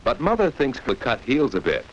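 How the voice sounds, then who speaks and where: Narrating a 1940s-style children's educational film, a man speaks at normal speed in a medium-pitched voice that rises and falls lively. He teaches like a storyteller, often addressing young listeners with rhetorical questions. The old soundtrack is dull with a faint layer of noise.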